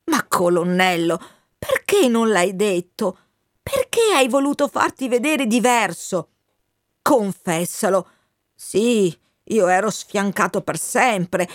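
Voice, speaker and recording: A woman's voice: medium pitch, expressive, takes it slowly, no room sound, clean studio sound. A woman voicing a loyal male wind spirit, speaking in a raised, urgent, pleading way.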